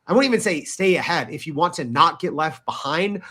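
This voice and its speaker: A man's voice: fairly high pitch, expressive, a little fast, pushed and bright. A man speaking as a podcast guest in an interview, emphatic and peppering his talk with "right?" and "you know". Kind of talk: interview conversation.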